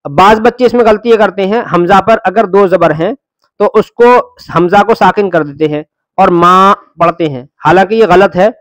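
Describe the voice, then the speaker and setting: A man's voice: high-pitched, fairly bright tone, dry recording. A man teaching a Quran reading lesson, patiently explaining rules and drawing out syllables as he spells them.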